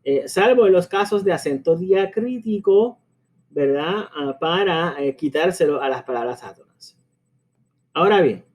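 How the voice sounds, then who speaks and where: A man with a Caribbean Spanish accent teaches a lesson in a relaxed, conversational tone. His voice sits a little high and sounds soft and mellow. He keeps checking in with his listeners and hesitates as he thinks. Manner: conversational, frequent tag questions and hesitations. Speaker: language teacher. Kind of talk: explanatory spoken lesson.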